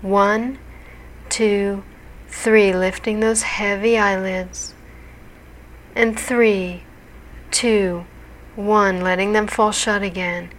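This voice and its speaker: Slow, soothing woman guiding hypnosis. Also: medium pitch, steady tone, a little hiss or hum, low-quality recording. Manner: soothing, deliberate, measured delivery. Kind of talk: guided hypnosis relaxation narration.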